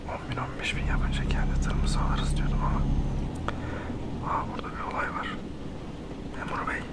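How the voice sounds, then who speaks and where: A person whispering quietly and softly at night in a relaxed, chatty ASMR gaming commentary, close to the microphone. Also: normal speed. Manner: relaxed, chatty rambling to viewers. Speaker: gaming video host. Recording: close whisper over truck engine noise. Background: truck game engine and rain sounds.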